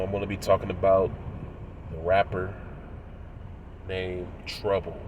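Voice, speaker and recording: Fairly low-pitched and nasal with a cold, a man in his thirties coughs between measured, moralizing lines, pausing frequently as he preaches. The religious commentary video carries a little hiss or hum.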